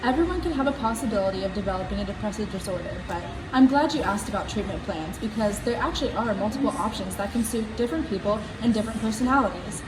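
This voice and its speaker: A woman playing a calm, instructive psychiatrist sock puppet in a scripted educational skit, explaining things in a measured way. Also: mid-range voice, close to an everyday voice. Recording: roomy, distant mic, noisy background.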